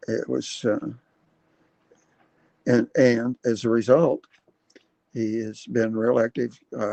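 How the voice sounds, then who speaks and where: Older man in his 70s, halting, full of fillers, dry close sound, dull webcam audio. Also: medium pitch, vocal fry, a little mellow, dry recording. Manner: rambling, halting with many fillers. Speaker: livestream host. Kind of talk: casual livestream talk. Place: home, at his computer. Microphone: computer webcam mic.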